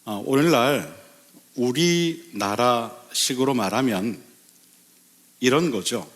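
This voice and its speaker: A male pastor giving a Sunday sermon in a church, asking the congregation questions and lifting his pitch to stress key phrases. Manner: lively, asks the congregation rhetorical questions; sudden pitch lifts for emphasis, slows on key phrases. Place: church sanctuary.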